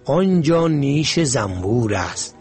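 A man voicing a wise, cautious male winged ant who gives calm, slow warnings. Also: mid-range voice, husky, faint music behind, heavily acted.

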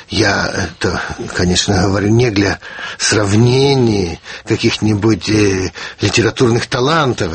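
A fifty-year-old man from the Soviet Union, a writer answering in a radio interview, speaking in a measured, reflective way with frequent hesitations. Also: fairly low pitch, slightly rough, no room sound. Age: 50s. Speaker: guest writer.

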